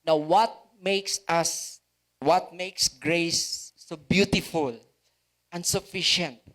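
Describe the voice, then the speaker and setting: A man's voice: on the high side, steady tone, very slow, a bit bright. A man with a Filipino accent preaching a sermon as pastor, asking rhetorical questions and leaning on words for emphasis.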